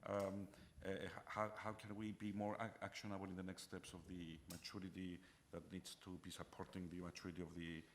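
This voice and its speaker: Low-voiced man moderating a panel. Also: level tone, slight background noise. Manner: halting, many fillers and restarts. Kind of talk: panel discussion.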